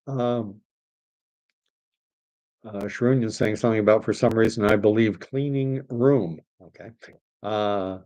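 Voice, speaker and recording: Hosting a live stream, a middle-aged man from Canada rambles through viewer comments and drifts away from the subject, unhurried and with long pauses. His low, warm voice is going hoarse after an hour, he fills gaps with plenty of ums and uhs, and the recording is rough.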